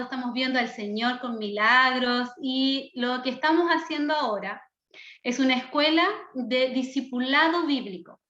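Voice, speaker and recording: A woman's voice: sits high, a bit bright, echoey room, highs cut off. A Chilean woman in her thirties, from the south of the country, introducing herself earnestly as a missionary Bible teacher in an online class. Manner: earnest, enthusiastic, fervent.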